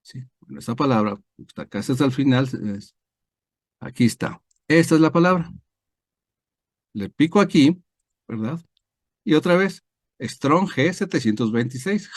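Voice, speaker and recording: A pastor teaching a Bible study over a video call, explaining step by step with many fillers and tag questions. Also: male voice, medium pitch, lively intonation, unhurried, pauses often, husky, no room sound, studio quality. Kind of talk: online screen-share Bible lesson.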